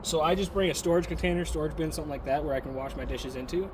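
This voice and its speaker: A man's voice: fairly high pitch, racing. A man giving a practical, step-by-step outdoor walkthrough of an RV's systems. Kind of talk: casual instructional walkthrough. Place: outdoors beside an RV. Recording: outdoor recording with clear background noise.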